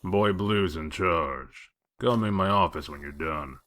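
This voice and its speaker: A man plays a hard-boiled wolf detective in a comic drama. His voice sits very low, and he gives orders and dry jabs with gruff, sardonic menace. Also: a little slow, fairly bright tone. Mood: stern, commanding. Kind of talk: comic dub voice acting.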